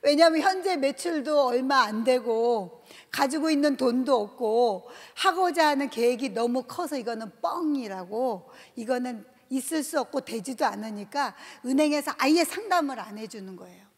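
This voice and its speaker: A woman, a company president, telling her faith testimony in a lively storytelling way and acting out the voices of others. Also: high voice, normal speed. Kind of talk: church testimony talk. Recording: reverberant large hall.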